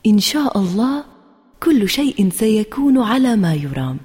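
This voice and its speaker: A woman voicing a calm, loving mother in a children's story, speaking softly and reassuringly, with a husky voice and long reverb. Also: mid-range voice, normal speed. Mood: tender. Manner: soft, reassuring tone.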